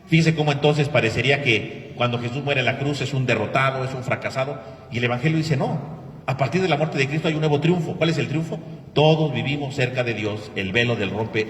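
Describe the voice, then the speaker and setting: A man's voice: mid-range voice, fairly bright tone, slight background noise. A man preaching at Mass as a priest, asking rhetorical questions and leading prayers, his voice ringing with cathedral echo. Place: large church. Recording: echoey church hall from far off.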